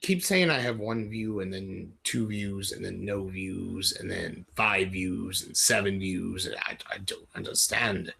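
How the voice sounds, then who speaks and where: A man's voice: low-pitched, measured pace, creaky, hardly any pauses, bright, forceful tone, a little hiss or hum. A man from Ohio rambling jokily through a casual livestream in a put-on British-sounding accent. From Ohio, USA. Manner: rambling, self-deprecating, jokey. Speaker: livestream host. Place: dim room at home.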